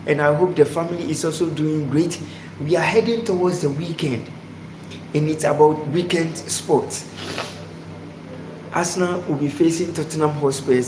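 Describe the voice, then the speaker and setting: A man from Ghana hosting a casual sports live stream, greeting viewers by name and asking them questions. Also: fairly high pitch. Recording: echoey room with loud background noise.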